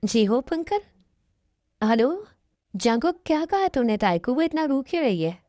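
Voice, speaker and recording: A woman's voice: high-pitched, big pitch swings, unhurried, mellow, soft background music. A woman voicing a doting middle-aged father who soothes and coaxes in a fan-made dub drama. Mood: concerned. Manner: soothing, coaxing.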